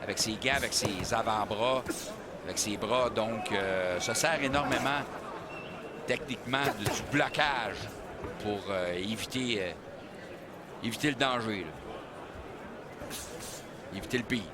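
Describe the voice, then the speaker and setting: Explanatory Quebec boxing analyst, noisy venue. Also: male voice, on the low side. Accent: Quebec French. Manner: conversational, explanatory, halting with repeats. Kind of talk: live colour commentary. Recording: noisy venue behind commentary.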